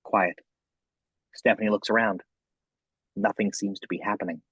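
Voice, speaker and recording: A man narrates a horror script in a husky voice, describing each action in the present tense. The recording is dry and close, with no room around him. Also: on the low side, steady tone, fairly quick, a bit bright, no echo.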